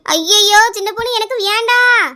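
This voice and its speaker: Woman doing a shrill old mother-in-law, kanyakumari accent, super high and piercing, all drama. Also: normal speed, sharp tone. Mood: lamenting. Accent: Kanyakumari Tamil. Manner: shrill, complaining lament.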